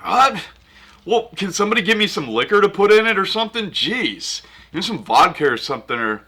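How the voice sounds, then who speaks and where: High-pitched, arrogant, exasperated pro wrestler man acting. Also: sing-song, fairly quick, pushed and bright, slightly rough, exaggerated voice. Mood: indignant. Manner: indignant, exasperated, boastful complaining. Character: arrogant, temperamental pro wrestler shooting a commercial. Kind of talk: comedy sketch acting.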